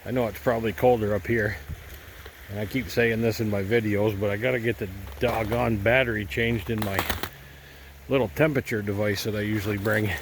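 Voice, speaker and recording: A mid-range male voice, with slight background noise, belongs to a gold prospector vlogging outdoors by a cold stream. He has a head cold and keeps things casual and easygoing, rambling a little and thinking out loud.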